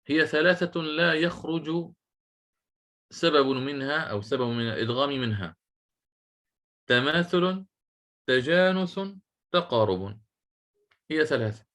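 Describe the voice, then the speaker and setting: A man teaching a class on Quranic recitation rules. He puts questions to his students, repeats key phrases slowly and chants short verses in a measured tone. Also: medium pitch, fairly bright tone. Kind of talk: classroom lecture on tajweed.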